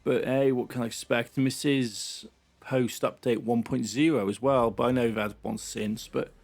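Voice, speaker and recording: A man's voice: mid-range voice, steady tone, normal speed, vocal fry. Man muttering through a racing game. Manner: chatty, muttering running commentary on a race. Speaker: gaming channel host. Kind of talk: casual game commentary.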